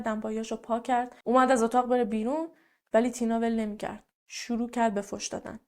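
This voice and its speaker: A woman's voice: on the high side, a little mellow. A woman narrating a true crime case in a casual, chatty storytelling way with personal asides.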